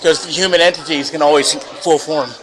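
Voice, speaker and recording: Higher-voiced man chatting amid a crowd. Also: steady tone, moderate pace, poor audio. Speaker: tour participant. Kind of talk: casual chat.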